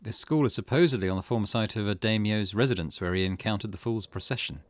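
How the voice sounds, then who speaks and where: This man narrates a let's play, reading the game text aloud and muttering his own reactions in between. His voice is on the low side and quick, with no echo.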